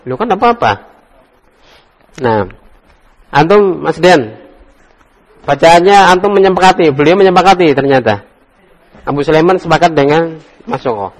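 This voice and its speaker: A man teaching an Arabic grammar class, calling on students in turn and patiently talking through each answer. His voice sits a little higher than most men's. The room recording carries a long, ringing reverb. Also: lively intonation, normal speed, pauses often. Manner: quizzes students in turn, explains patiently, jokes and laughs. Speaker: religious teacher. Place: classroom study circle.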